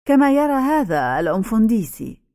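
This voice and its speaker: A woman's voice: a little high, big pitch swings, a little fast, dark tone, dry recording, studio quality. A woman voicing a timid teenage girl.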